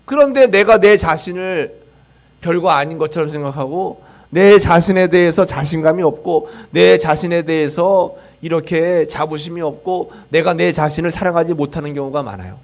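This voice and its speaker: Man, pastor, church sermon, slightly high voice, big swings in volume, trails off softly at phrase ends, acts out quoted self-talk. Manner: dramatic swings in loudness, trailing off to near-whispers at line ends; acts out quoted self-talk and leads the congregation in call-outs. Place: church sanctuary.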